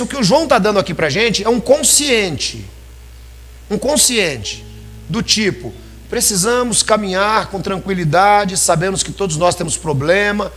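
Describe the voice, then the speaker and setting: A man's voice: high-pitched, a bit bright. A man preaching a sermon in a church, talking conversationally and calling his listeners brothers.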